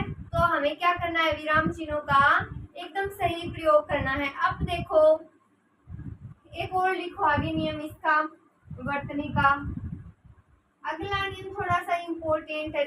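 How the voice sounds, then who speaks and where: A woman with an extremely high, pushed, bright voice teaches a grammar lesson, posing rhetorical questions, answering them herself, and dictating notes for students to copy. The recording is noisy, with roomy echo and a distant mic.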